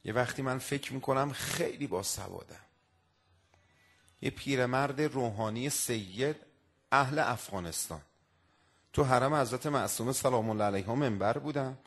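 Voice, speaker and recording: A man's voice: mid-range voice, a bit bright. A male cleric delivering a sermon, building into emphatic declamations and reciting Arabic quotations. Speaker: cleric preacher.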